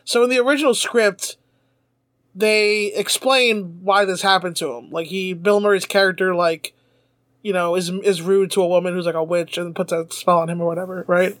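A man's voice: high-pitched, fairly even intonation, moderate pace, a bit bright, no room sound, studio quality. A man co-hosting a podcast, chatting casually, laughing often and swearing freely. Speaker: podcast co-host.

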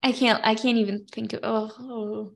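A woman co-hosting a podcast talks casually through a reality-show recap. Her voice sits a little high. She drops dry, sarcastic asides as she goes. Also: little pitch movement, normal speed, gravelly. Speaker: podcast co-host.

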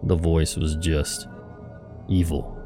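A man hosting a podcast, narrating a scary true story in a steady, hushed way. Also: very deep voice, takes it slowly. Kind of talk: scripted horror story narration. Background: soft music.

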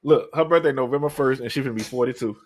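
A man of thirty hosting a podcast, talking casually with brash, profane bluntness and breaking into loud laughter. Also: mid-range voice, fast, slight background noise. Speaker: podcast host. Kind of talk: casual chat.

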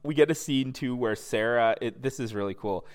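A man's voice: medium pitch, moderate pace, smooth. A man co-hosting a casual TV recap chat, talking in a conversational, reflective way. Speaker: podcast co-host.

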